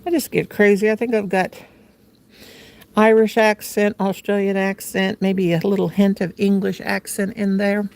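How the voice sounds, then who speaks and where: An older American woman hosts a casual crochet livestream, playful and silly, laughing and talking to herself as she works. Her medium-pitched voice is gravelly and darkish, with little pitch movement and a normal speed.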